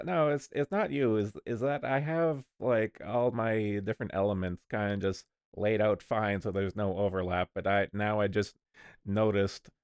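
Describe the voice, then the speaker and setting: A streamer host with a lowish voice and vocal fry, recorded in clean studio sound with no room echo, chats casually on an online stream. Sick and coughing lately, he rambles and restarts his sentences while setting up and talking.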